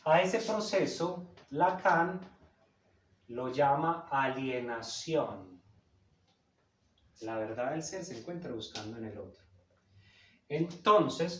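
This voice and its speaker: Male lecturer, emphatic teaching tone, echoey room, sits back from the mic. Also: medium pitch. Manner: didactic, emphatic, checks in with "cierto?". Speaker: psychoanalysis lecturer. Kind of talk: explanatory talk on psychoanalysis. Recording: roomy echo, a bit far from the mic.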